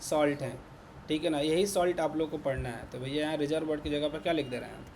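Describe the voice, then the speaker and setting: A man with an Indian Hindi accent teaches a room of students, speaking in a fairly high voice. He repeats himself often and keeps asking whether everyone follows. A faint hiss sits under the recording. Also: quick pace, creaky, a little mellow. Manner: repetitive, checks in with "ठीक है ना" constantly. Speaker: programming teacher. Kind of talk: classroom lecture. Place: classroom with students.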